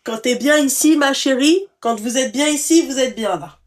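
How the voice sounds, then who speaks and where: A woman hosting a live stream, giving blunt, familiar advice to a caller, full of endearments and animated outbursts. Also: sits high, normal speed. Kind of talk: casual live advice chat.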